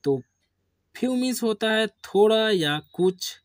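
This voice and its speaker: Slow, dry-voiced male teacher. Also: sits high, lively intonation, no room sound. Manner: slow, repetitive call-and-response drilling. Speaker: English teacher. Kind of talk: classroom lesson for beginners.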